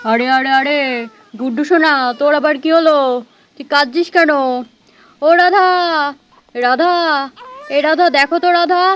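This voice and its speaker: A woman's voice: high-pitched, moderate pace, pauses often, close to an everyday voice. Woman doing a fretting, complaining father. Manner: pleading, repeating the wife's name. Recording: faint background noise.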